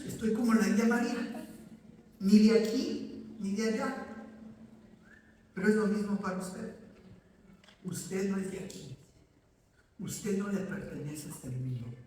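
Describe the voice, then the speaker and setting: Preacher in an echoey church. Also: male voice, high-pitched, darkish tone, a little hiss or hum. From Ecuador. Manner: direct, addresses listeners as usted, asks questions and answers them. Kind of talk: sermon. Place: church sanctuary. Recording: echoey hall, voice from far off.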